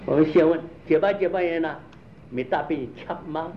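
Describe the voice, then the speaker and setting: Here a man's slightly high voice keeps a moderate pace. He walks through a problem, pressing his points by repeatedly asking listeners rhetorical questions, in a dull lo-fi recording carrying faint noise.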